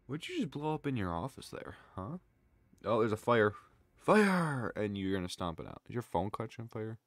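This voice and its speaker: A man's voice: lowish voice, animated, a little fast, dry recording. A young man giving loose, casual running commentary on fail clips, full of exclamations. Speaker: reaction video creator.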